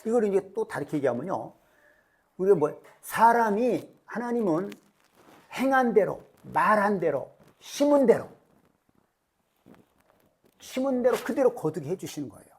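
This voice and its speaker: A man's voice: high voice, sing-song, normal speed, breathy edge. A middle-aged man preaching a sermon as pastor, asking rhetorical questions and acting out quoted lines.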